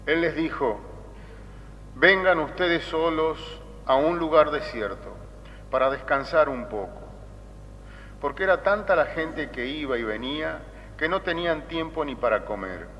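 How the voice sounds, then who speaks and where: A man, a priest, solemnly reading the Gospel in measured, deliberate phrases, his voice carrying the long echo of a church. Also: animated. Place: large reverberant church. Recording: cathedral-like echo, muffled, noisy rumble.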